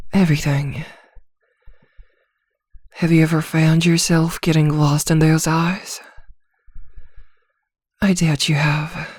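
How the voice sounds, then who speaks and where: Pitched low and heavily acted, this female voice belongs to a vampire disguised as a therapist in an ASMR roleplay of slow guided hypnosis. She speaks softly and soothingly, breathy and near a whisper, with quiet command and a softly teasing mood. The mic is close and there's no room sound; the character is calm, teasing and in control.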